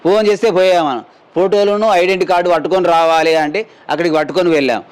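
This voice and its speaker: A man's voice: sits high, steady tone, fast, clean tone. A middle-aged man, telling an interviewer in a plain, rambling way what happened to him and quoting the people he met. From Telangana, India. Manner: plain rambling retelling, quotes others in dialogue. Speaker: injured mine worker telling his story. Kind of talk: spoken testimony to a news camera.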